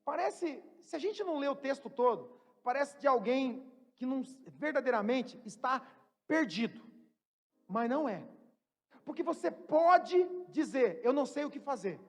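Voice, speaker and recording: A Brazilian pastor preaching a sermon. He moves between loud, emphatic preaching and quiet, joking asides to the congregation. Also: very high-pitched, lively intonation, a little slow. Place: church hall. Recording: long church reverb, faint music.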